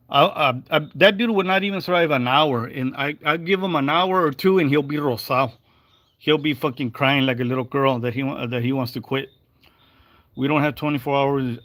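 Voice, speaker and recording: Heated and cursing, this forties-aged livestreamer delivers an angry rant sprinkled with Spanish phrases. The pitch is fairly high, the tone a bit bright, with no audible room.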